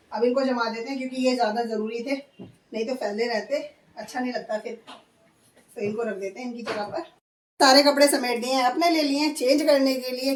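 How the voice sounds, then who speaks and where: A hoarse woman in her thirties chatting through a home vlog, describing her chores step by step. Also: sits high, slight background noise. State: hoarse, voice going. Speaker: vlogger. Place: at home, indoors.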